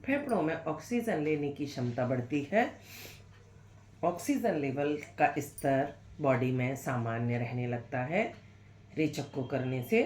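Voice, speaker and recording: A woman's voice: extremely low pitch, expressive, unhurried, darkish tone, echoey room, a little hiss or hum. A woman with a sore throat and cough, leading a guided breathing exercise lesson as a yoga instructor in a patient, reassuring, instructive way.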